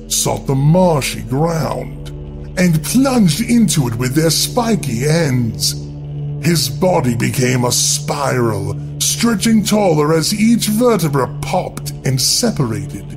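This is scripted horror narration, delivered dramatically by a man while music plays underneath. He speaks in a higher pitch, slowly and theatrically, his intonation swinging a great deal.

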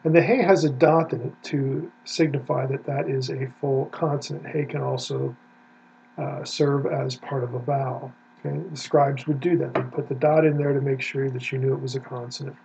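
A man's voice: medium pitch, level tone, normal speed, creaky, darkish tone. A man teaching Hebrew Bible study in a methodical, explanatory way while pointing through material on his screen. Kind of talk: screen-share lecture. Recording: dull lo-fi sound with faint hum.

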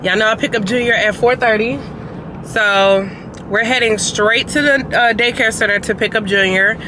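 A woman's voice: a little high, steady tone, moderate pace, noisy background. A woman in her thirties chatting casually to her viewers while driving, talking through her errands and day. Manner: chatty, talks to viewers as "y'all". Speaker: vlogger. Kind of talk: casual vlog chat. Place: in a car.

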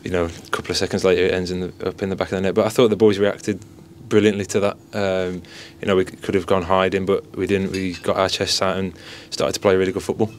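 In a post-match interview at an indoor press area by a sponsor board, a young male goalkeeper with a fairly deep voice answers humbly into several handheld mics and phones held close. His delivery is flat and quick with few pauses, and he keeps repeating stock phrases. There is slight background noise.

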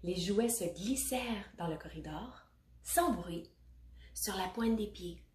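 Slow, expressive woman reading a storybook. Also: mid-range voice. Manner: slow, expressive, with asides to children. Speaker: storybook reader. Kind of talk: reading a children's picture book aloud. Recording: roomy echo.

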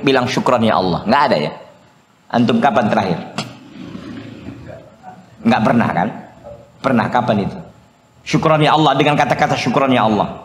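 A male preacher giving a religious study lecture, lively and full of rhetorical questions to his listeners. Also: medium pitch. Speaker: Islamic preacher. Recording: echoey lecture room.

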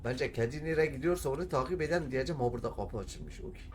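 A man's voice: medium pitch, animated, fast, background noise. Bir oyunu oynarken bulmacaları kendi kendine çözen, zaman zaman heyecanla bağıran bir adam; oyun yorumu yapıyor. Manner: talks to himself while solving puzzles, bursts into shouting. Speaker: gamer. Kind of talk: let's play commentary.

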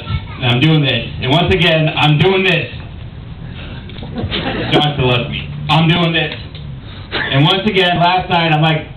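A man's voice: mid-range voice, dull audio. A young man telling a joking story as a wedding toast, speaking into a handheld mic through speakers in a large party tent. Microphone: handheld mic through speakers, far camera. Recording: echoey, distant, noisy camcorder audio.

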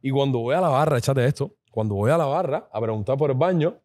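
A man's voice: mid-range voice, fast, a little mellow. A man, co-hosting a podcast and telling rambling anecdotes in casual chat. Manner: rambling anecdotes with restarts and quoted dialogue. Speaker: podcast co-host.

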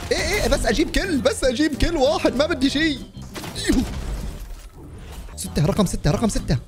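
A man giving excited commentary on his gameplay, laughing and yelling at the game as he plays. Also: very high voice. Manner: animated, laughing, shouting at the game. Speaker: gaming YouTuber.

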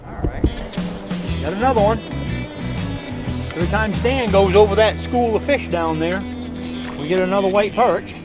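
An older man hosts a fishing show from a boat out on a lake, chatting in a folksy, teasing way. His voice sits fairly high for a man. Music plays clearly behind him. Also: moderate pace, pauses often, low-quality recording. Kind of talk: casual outdoor show commentary.

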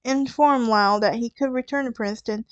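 Woman, Southern US accent, true crime podcast host, fairly high voice, chatty asides, close dry mic. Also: moderate pace, clean tone, no echo, highs cut off. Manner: conversational, with asides and restarts.

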